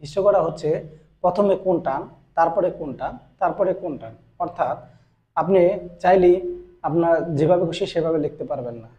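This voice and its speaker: A man with a Bangladeshi Bengali accent teaching a Japanese writing lesson, slowly repeating each syllable twice as he explains. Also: fairly high pitch, warm tone. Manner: slow and repetitive, drilling each syllable twice. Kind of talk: step-by-step classroom explanation.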